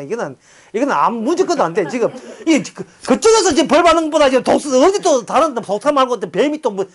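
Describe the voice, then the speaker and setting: A male pastor with a Gyeongsang Korean accent giving an animated Bible lecture, acting out quoted voices and chuckling. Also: sits high.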